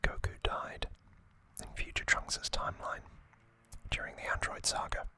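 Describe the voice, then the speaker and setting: This is an ASMR host's recap, delivered in an unvoiced, breathy whisper with hushed short phrases and pauses in between.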